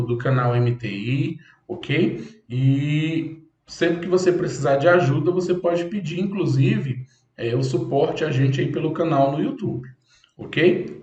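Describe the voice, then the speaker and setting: A man's voice: mid-range voice, a little mellow. A man teaching a computer course, explaining step by step and checking in with "ok?" often. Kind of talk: classroom lecture. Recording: echoey room, dull lo-fi sound.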